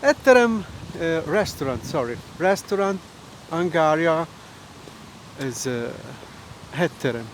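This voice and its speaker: A man who is not a native English speaker gives casual walking-tour commentary in halting, repetitive, simple broken English, as a travel vlogger. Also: a little high, expressive. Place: outdoors, walking in a city park. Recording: loud wind and outdoor noise.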